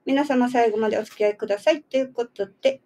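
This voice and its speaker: Chatty high-voiced woman radio host. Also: fast, warm tone. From Okinawa, Japan. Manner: chatty, laughs often, teasing questions. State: slightly nasal from a cold. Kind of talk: casual radio chat.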